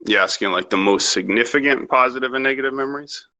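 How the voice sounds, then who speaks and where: A man's voice: medium pitch, fast talker, sharp tone, poor audio. A young man from Canada, a podcast guest telling rambling, profane, self-assured stories about his upbringing. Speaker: interview guest. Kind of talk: casual podcast interview.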